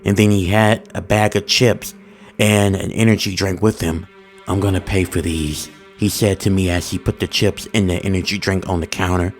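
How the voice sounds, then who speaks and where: A man narrating a first-person horror story in a steady, ominous storytelling manner with informal grammar. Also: deep voice, normal speed, soft background music.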